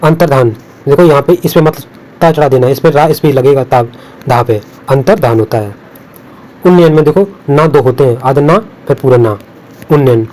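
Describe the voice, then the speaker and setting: A Hindi exam tutor runs a spelling lesson over on-screen notes, saying each word again and again and flagging what examiners will mark wrong. His mid-range voice is slightly mellow and unhurried, though the recording quality is low.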